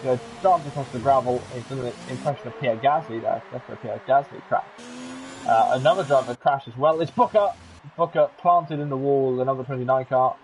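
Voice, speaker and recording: Excitable race commentator. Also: male voice, medium pitch, brisk, poor audio. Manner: excitable, chatty with jokey asides. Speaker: sim racing league commentator. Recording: game engine noise under the voice. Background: racing car engine sounds from the game.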